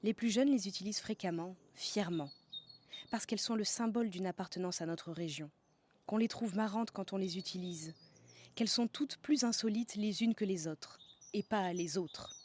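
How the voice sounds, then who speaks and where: A woman's voice: medium pitch, normal speed, a little mellow, slight background noise. A woman from the south of France, narrating a scripted podcast as host in a playful way, savouring slang words.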